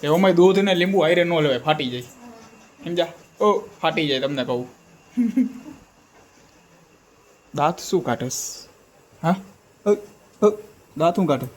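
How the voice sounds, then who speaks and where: A man's voice: a little high, expressive, a little slow, pauses often, low-quality recording. A young man, chatting casually and teasing his family in a home vlog. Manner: playful, teasing banter. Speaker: family vlogger.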